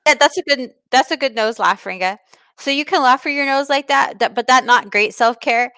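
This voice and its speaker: A woman playing a foreign self-care adviser who speaks in broken, halting English with many restarts. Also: sits high, pushed and bright, smooth, no room sound. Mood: deadpan advice. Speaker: comic advice giver. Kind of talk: improvised comedy bit.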